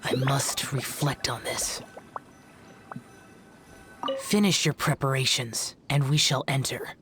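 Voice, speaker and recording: A man's voice: mid-range voice, fairly even intonation, slow pace, music in the background, lightly acted. A man playing an aloof, brooding young immortal demon slayer in a video game, speaking in a solemn, curt, formal way. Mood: grave, resigned.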